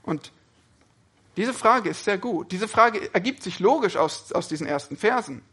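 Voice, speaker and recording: A man's voice: sits high, animated, moderate pace, fairly bright tone, husky. A man preaching a sermon, speaking earnestly and often putting questions to his listeners.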